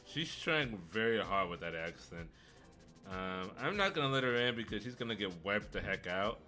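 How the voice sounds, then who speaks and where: Bright, low-voiced male game streamer. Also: lively intonation, moderate pace. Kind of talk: casual game commentary, thinking aloud. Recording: game music behind the voice. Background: music.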